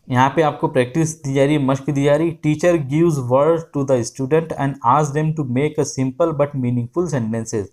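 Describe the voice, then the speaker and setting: A man teaching a lesson, reading English instructions slowly and then explaining them in his own words. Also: on the high side.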